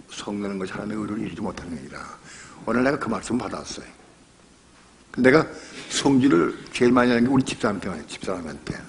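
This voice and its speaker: Older man, pastor, sermon delivered as emphatic conversation, mid-pitched voice, faint noise behind. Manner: conversational preaching with rhetorical questions and personal stories; emphatic, repeats phrases.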